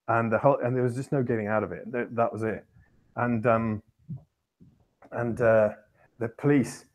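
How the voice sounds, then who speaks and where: A man hosting a podcast, telling a long personal anecdote in a rambling, self-correcting way with wry chuckles. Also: medium pitch. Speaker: podcast host. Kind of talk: casual anecdote storytelling.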